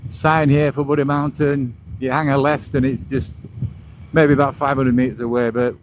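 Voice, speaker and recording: A man narrates his motorbike ride in a casual, chatty way, explaining things like a local guide. His voice sits at an average pitch. It is recorded outdoors on the move, with light vehicle and wind noise behind it. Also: level tone, normal speed. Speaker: motorcycle vlogger and host. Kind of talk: casual motovlog commentary while riding. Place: outdoors, riding a motorbike along roads.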